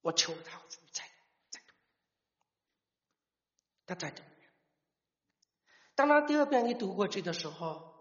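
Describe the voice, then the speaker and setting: A middle-aged man gives a personal testimony as a father, halting and restarting words as he tells the story. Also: sits high, sing-song. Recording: echoey hall, dull lo-fi sound.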